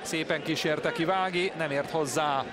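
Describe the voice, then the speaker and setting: A man with a Hungarian accent giving live football commentary, with measured, reflective remarks between plays. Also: fairly high pitch, fairly even intonation. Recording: loud stadium crowd and noise behind. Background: football crowd.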